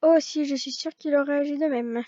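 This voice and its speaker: A woman's voice: sits high, fairly even intonation, brisk, warm tone, no room sound. A young woman reading dialogue from a visual novel aloud, often stumbling and restarting lines. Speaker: fan reader voicing a visual novel. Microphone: old gaming headset. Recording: dull lo-fi gaming headset mic.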